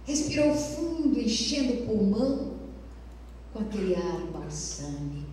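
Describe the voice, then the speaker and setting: A woman lecturer tells a story in a lyrical, measured way during a spiritual talk. Her voice is slow and mellow. It reaches a distant mic with a long, ringing reverb and faint room noise. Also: medium pitch, animated. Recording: echoey hall, mic far off.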